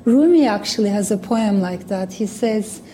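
A woman from Turkey appears as a guest speaker, giving a sincere, reflective public talk in Turkish-accented English, her second language, with small restarts. Her mid-range voice is dark in tone and animated, at a normal speed, over slight background noise.

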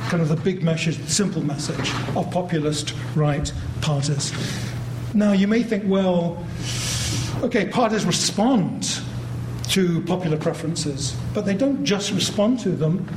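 An older man from giving an academic lecture on politics, thoughtful and full of restarts. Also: high voice. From London, England. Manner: thoughtful, many restarts, acts out quoted voices. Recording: roomy hall with background noise.

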